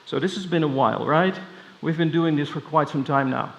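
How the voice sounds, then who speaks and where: A man's voice: fairly high pitch, fairly quick, poor audio. Playful Dutch-accented man giving a keynote. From Netherlands. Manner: playful, energetic, with many fillers and restarts. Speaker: keynote speaker. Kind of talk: conference keynote. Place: large conference hall with audience.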